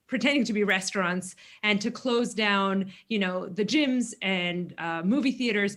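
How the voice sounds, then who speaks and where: A woman's voice: mid-range voice, fairly bright tone. A woman in her thirties from Greece, a congressional candidate answering questions earnestly in a virtual forum, with frequent fillers. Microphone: video call.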